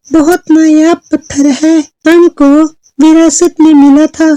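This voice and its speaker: A woman voicing a kind female fairy who calmly explains a tale of magic in a children's story. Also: high voice, no echo, voice pushed up, low-quality recording. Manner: soothing, explanatory.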